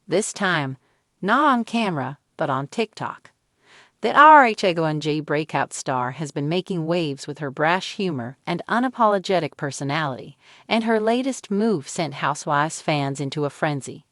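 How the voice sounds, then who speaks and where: A woman with a lowish voice reads a scripted celebrity news story. Her delivery stays even, and she reads the quoted lines without acting them. The recording is dry and close, with no room sound. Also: no echo. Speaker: entertainment news narrator. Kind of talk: scripted narration.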